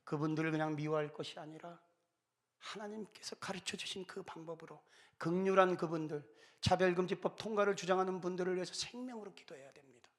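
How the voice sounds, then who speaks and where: A man's voice: high voice, brisk. A man in his fifties giving an impassioned church talk, pleading with urgent fervor. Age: 50s. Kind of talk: impassioned exhortation.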